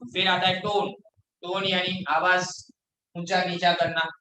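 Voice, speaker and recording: High, bright-voiced male lecturer. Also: little pitch movement, reverberant, rough recording. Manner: reads English lines slowly from the text, then explains them in Hindi. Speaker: college lecturer. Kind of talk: classroom lecture mixing Hindi and English.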